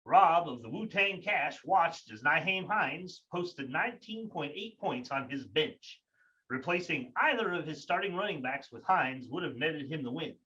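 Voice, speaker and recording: A man putting on a higher, mock-serious voice as a reporter broadcasting live from a sewer, with an echoing tunnel sound. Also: animated, measured pace, pushed and bright, distant mic, dull audio. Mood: mock gloomy. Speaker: fantasy league commissioner.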